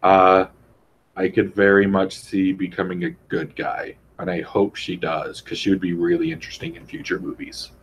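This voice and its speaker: A young man in casual chat, rambling and animated as he retells things, heavy on "like". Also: sits low, normal speed, a little hiss or hum, poor audio.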